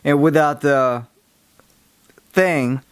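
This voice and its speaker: Slow, halting man giving a casual tutorial. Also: on the high side, a little hiss or hum. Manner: halting, rambling explanations. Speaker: tutorial presenter. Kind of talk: casual instructional talk.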